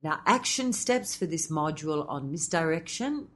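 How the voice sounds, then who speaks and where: A woman teaching presenting skills to MCs, speaking in a measured, explanatory way with playful asides. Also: sits low, lively intonation. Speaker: MC trainer. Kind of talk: instructional talk.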